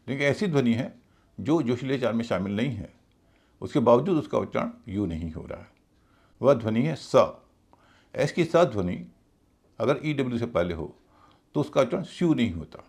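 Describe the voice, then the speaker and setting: A man with a husky, gravelly, darkish voice explains English pronunciation in a video class, his pitch shifting often. He works through it methodically, spelling each letter and saying every word again.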